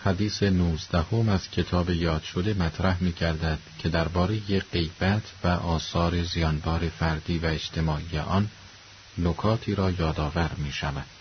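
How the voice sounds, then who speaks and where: A man hosting a radio program, reading scripted religious commentary in a formal, measured and reverent way. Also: deep voice. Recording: lo-fi recording with faint hiss.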